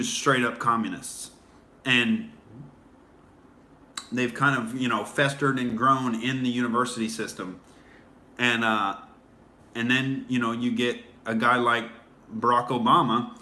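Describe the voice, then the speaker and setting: Viewer comments get answered in a loose, rambling way by this livestream host, who restarts often and uses many fillers. His voice is medium in pitch, with a pushed, bright quality.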